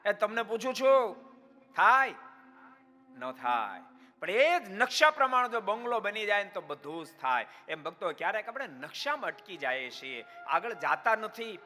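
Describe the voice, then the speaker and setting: Swami man preaching in a big echoey hall, high bright voice, faint music behind. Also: normal speed. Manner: animated storyteller, rhetorical questions to devotees. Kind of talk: devotional sermon with storytelling.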